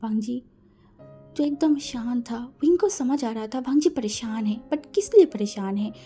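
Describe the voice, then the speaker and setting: A woman narrating fan fiction in an expressive, dramatic storytelling manner. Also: a little high, normal speed, soft background music.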